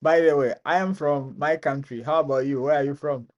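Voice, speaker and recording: A live stream host from Ghana with a Ghanaian accent, chatting casually with a guest, laughing often and teasing gently. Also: mid-range voice, fairly even intonation, brisk, dull audio.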